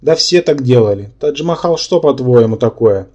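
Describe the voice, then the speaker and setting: A man's voice: mid-range voice, animated, warm tone, highs cut off, natural voice. A man voicing a know-it-all brain-polyp symbiont. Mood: lecturing. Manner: lecturing, quick to take offence.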